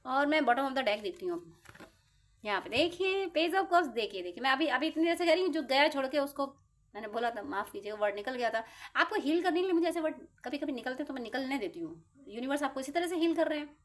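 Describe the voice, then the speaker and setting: A woman tarot reader, giving a casual motivational talk to her viewers in a chatty, playful way with quick acted-out asides. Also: sits high, expressive.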